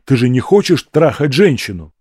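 A cheeky, scrappy young hustler talks fast and eagerly, as a man voices him in an audiobook. His voice sits well above the reader's own. The sound is dry and close. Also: mid-range voice, breathy edge, dry recording. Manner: quick, cheeky, excited.

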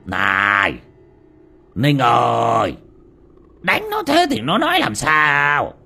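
A man voicing a stern older male master of a household, gruff and commanding. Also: fairly low pitch, wildly swooping pitch, slow, sharp tone, heavily acted.

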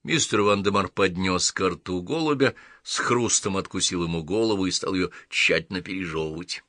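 A man narrating an audiobook in an even, measured reading. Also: sits low, no echo, clean studio sound.

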